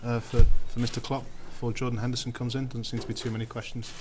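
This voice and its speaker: Male press officer, quick and businesslike, monotone delivery, audible background noise. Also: mid-range voice. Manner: brisk, businesslike. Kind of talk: press conference moderation.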